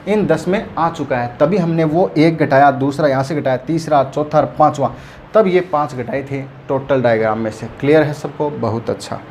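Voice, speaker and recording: A man's voice: a little high, moderate pace, darkish tone, slight background noise. A man teaching a math lesson, counting aloud patiently and checking often that his students follow.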